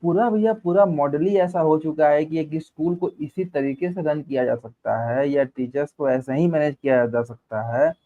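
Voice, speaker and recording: A man's voice: on the high side, normal speed, hardly any pauses, phone-quality sound. A man interviewing a former fellow teacher, deferential and casual, often addressing him as an elder brother. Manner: deferential, keeps calling the guest elder brother.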